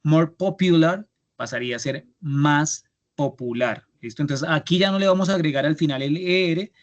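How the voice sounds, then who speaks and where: A man's voice: a little high, moderate pace. A young man teaching an English grammar class, patiently repeating each step and checking that students follow. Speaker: English instructor. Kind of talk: online class explanation.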